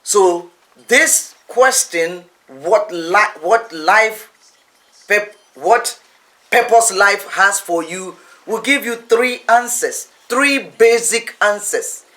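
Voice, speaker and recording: A man's voice: high-pitched, takes it slowly, bright, forceful tone. A man preaching a teaching sermon, speaking emphatically and repeating phrases for effect.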